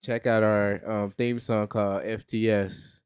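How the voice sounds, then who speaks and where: Joking low-voiced man on a podcast. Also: level tone, measured pace, a little mellow, clean tone, dry recording, studio quality. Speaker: podcast co-host. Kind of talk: casual podcast banter.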